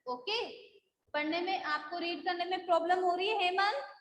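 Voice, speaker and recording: A woman's voice: very high voice, moderate pace, fairly bright tone, echoey room, rough recording. A woman school teacher taking a live online class, patiently drilling syllables and checking that the students follow.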